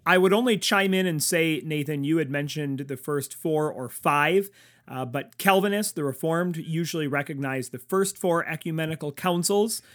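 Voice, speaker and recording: A man with a somewhat higher voice, chiming in on a theological panel. He speaks precisely and sets the record straight. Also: normal speed, a bit bright. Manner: precise, adds corrections.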